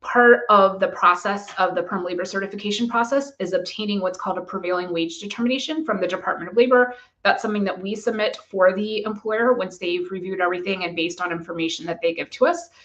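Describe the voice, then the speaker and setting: A woman immigration lawyer giving a measured, methodical explanation to camera. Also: mid-range voice, a bit bright, rough recording.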